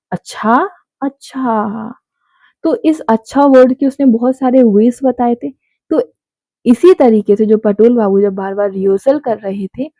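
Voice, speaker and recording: A woman explaining an English chapter line by line, reading each line slowly and then explaining it in casual Hindi. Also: medium pitch, mellow, dry recording.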